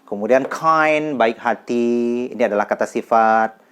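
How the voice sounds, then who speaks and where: A man teaching English grammar in a casual classroom style, repeating example sentences slowly and clearly. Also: medium pitch.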